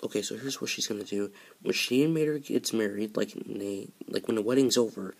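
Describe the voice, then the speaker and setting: A man's voice: on the low side, brisk, vocal fry, a little mellow. A man voicing an anxious, earnest male car friend in a homemade toy story, stammering and short of breath. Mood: breathless.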